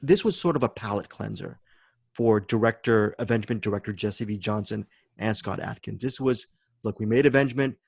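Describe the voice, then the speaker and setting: A man's voice: fairly low pitch, moderate pace, gravelly, a little mellow, slightly rough, no echo. A man hosting a film podcast, chatting enthusiastically about a movie and often repeating words as he searches for phrasing. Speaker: podcast host.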